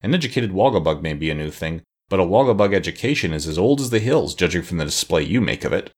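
A man voicing an earnest, sharp-witted young boy in a storybook reading. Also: sits low, lively intonation, fast talker, slightly rough.

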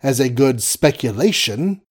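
A male narrator raising his voice into a spirited young woman, crisp and coy, teasing her father with lively turns of pitch. A storybook reading. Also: a little slow.

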